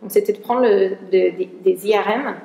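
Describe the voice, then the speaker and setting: This woman researcher is presenting at a conference in a lecture hall, frequently hunting for words and starting sentences over. She speaks at a normal speed in a mid-range voice that is gravelly and warm, and the audio carries the roomy sound of the hall.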